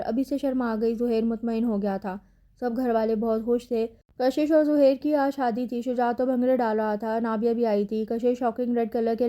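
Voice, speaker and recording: A woman with a Pakistani Urdu accent reading a romantic novel aloud as a scripted audiobook narration, in an even, low-key way.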